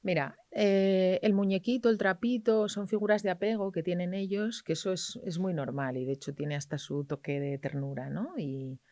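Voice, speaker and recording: A middle-aged woman, a pediatrician explaining things in an interview, lively and quick to act out parents and children. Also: fairly low pitch, no echo. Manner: animated, acts out parents and children in quoted voices. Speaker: pediatrician guest. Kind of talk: interview conversation.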